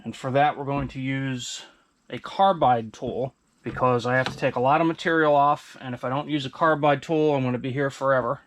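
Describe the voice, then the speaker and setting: A middle-aged man giving casual, unscripted commentary as he works, thinking aloud in a small workshop. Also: medium pitch. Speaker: host, hobby machinist. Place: small indoor wood-panelled workshop. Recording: clear machine and workshop noise.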